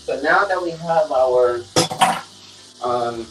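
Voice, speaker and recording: A young male cooking vlogger casually walks viewers through a home cooking demonstration, often saying "okay" and "guys." His medium-pitched voice is slow, with loud music behind it, captured from a camera on the counter away from him in a small, echoey home kitchen.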